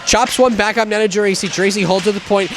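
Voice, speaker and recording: High-voiced male hockey commentator. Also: fairly even intonation, fast talker, slight background noise. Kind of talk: sports commentary and game previews. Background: music.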